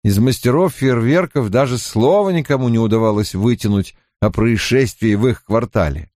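A male audiobook narrator with a mid-range voice. He reads at an even, measured pace. The recording is dry, with no room sound. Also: mid-range voice, no echo. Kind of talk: scripted narration.

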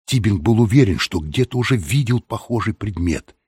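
A man narrates a novel with measured, steady pacing, his voice deep and husky. The sound is dry and close, with no room around it. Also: dry recording. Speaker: audiobook narrator.

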